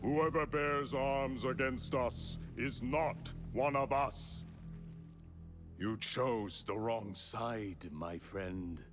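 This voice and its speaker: A man playing a cold, menacing warlord in a video game, speaking in a measured, imperious manner. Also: mid-range voice, over music. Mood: cold menace. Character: cold, menacing male warlord inspecting weapons.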